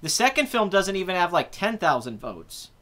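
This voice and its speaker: A man's voice: sits high, big pitch swings, moderate pace, fairly bright tone. A man in his twenties hosting a casual live chat about movies, rambling and correcting himself as he answers viewer comments. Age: 20s. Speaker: host.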